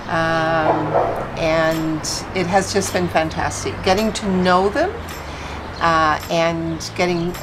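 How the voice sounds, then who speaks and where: A woman's voice: on the low side, rough recording. A woman from Newfoundland, Canada, chatting as a volunteer guest in an interview, talking freely with lots of uh fillers. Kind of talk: casual interview chat. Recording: loud background music bed.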